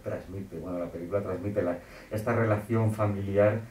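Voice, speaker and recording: A man's voice: sits low, fairly even intonation, normal speed, darkish tone. A male interviewer asking long, hesitant questions with many restarts. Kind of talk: conversational interview. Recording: roomy, distant mic with faint ambience.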